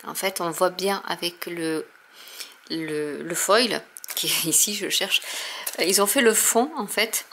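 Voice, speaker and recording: A woman's voice: on the low side, unhurried, a bit bright, a little hiss or hum. Chatty woman unboxing craft supplies. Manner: chatty, many fillers, explains while showing products. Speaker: crafting channel host. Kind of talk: casual unboxing chat.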